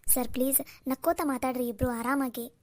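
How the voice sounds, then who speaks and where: A woman plays a kind young cartoon woman who looks after a little girl. She talks fast and reassuringly, in a fairly high voice. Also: steady tone, natural voice. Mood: coaxing. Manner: brisk, reassuring. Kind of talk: Kannada cartoon voice acting.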